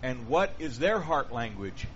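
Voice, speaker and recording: Heard through a dull, lo-fi recording with slight hiss, a mid-range male voice runs an interactive Bible lesson. Very animated but measured in pace, he quizzes the group and discusses their answers.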